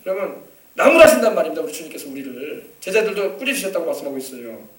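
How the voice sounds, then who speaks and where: Fast, high-voiced Korean pastor preaching. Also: male voice, big pitch swings, distant mic. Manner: preaching with call-and-response questions. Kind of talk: sermon. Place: church sanctuary. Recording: echoey church from off-mic.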